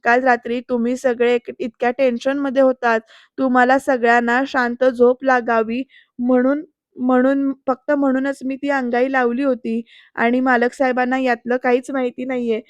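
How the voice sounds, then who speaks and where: A gentle, earnest young daughter-in-law pleading softly, read out by a woman. The voice is fairly high and even with little swing, recorded dry and close. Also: normal speed, dry recording, highs cut off, lightly acted.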